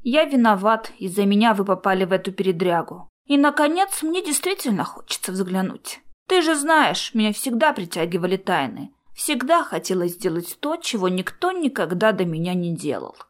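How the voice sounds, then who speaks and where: A woman voicing a soft-spoken, apologetic young man in glasses, in an audiobook reading. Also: high-pitched, sing-song, normal speed, few pauses. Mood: resigned. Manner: soft, resigned, earnest.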